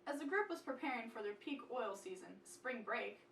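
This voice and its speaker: Young woman doing a news anchor, high and lively, kinda echoey and far off. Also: moderate pace, noisy background. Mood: formal. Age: young adult. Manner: formal newscaster delivery. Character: bright female studio news anchor. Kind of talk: amateur news-parody acting. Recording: roomy, distant from mic.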